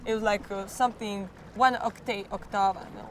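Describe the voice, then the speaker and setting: This teenage klapa singer from Croatia speaks accented English as she answers questions about klapa singing, frequently stopping to reach for words. She has a mid-range, slightly hoarse voice and a steady tone, with a little hiss or hum in the background.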